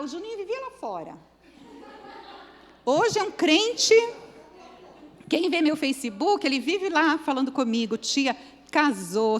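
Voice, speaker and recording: A middle-aged woman with a Brazilian accent trains church children's workers, telling stories with lively energy and speaking straight to her listeners. Her voice sits fairly high. The sound carries a long reverb, as in a church hall. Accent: Brazilian Portuguese. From São Paulo, Brazil. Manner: lively storytelling, addresses the group directly.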